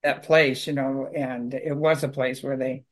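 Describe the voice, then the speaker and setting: A man who clears houses of spirits talks in casual conversation, telling long stories in an earnest, rambling way. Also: medium pitch, level tone, a little slow, fairly bright tone.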